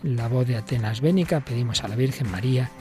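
A man hosting a religious program, reading a story in a calm, measured narration. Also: mid-range voice, soft background music. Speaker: host of religious radio program.

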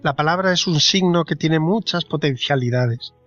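A fairly high male voice reads a spiritual reflection slowly and reverently, dwelling on each phrase. The sound is dry and close, with a slightly dull radio tone. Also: fairly bright tone, no room sound, faint music behind. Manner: slow, reverent, deliberate reading. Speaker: radio co-host.

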